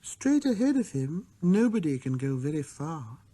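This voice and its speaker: A man's voice: a little high, big pitch swings, moderate pace, warm tone, voice pushed up. A man voicing a small, earnest, wondering boy prince from another planet in a storybook reading. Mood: earnest, wistful. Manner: earnest, wondering, easily amused. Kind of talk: storybook character voice.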